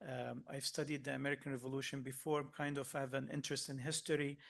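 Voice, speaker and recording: Man from Lebanon, workshop speaker, earnest, hesitant, frequent restarts, mid pitch. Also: little pitch movement, fast talker, gravelly, a bit bright. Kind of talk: hesitant spontaneous talk.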